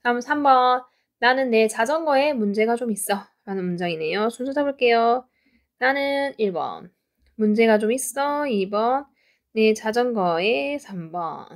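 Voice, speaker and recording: A woman teaching an English lesson in Korean, patiently explaining pronunciation and repeating example sentences slowly. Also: fairly high pitch, animated.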